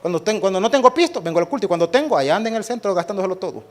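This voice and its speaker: A man with a Salvadoran accent preaching a sermon as pastor, animated, asking the congregation rhetorical questions and acting out quick exchanges. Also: sits high. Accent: Salvadoran Spanish. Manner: acts out quick exchanges in different voices.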